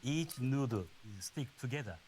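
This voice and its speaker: A man's voice: medium pitch, animated, normal speed, a little mellow, rough recording. A man from Japan with a Japanese accent, giving casual food commentary as a chef. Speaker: chef on a tasting panel. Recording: clear background hiss.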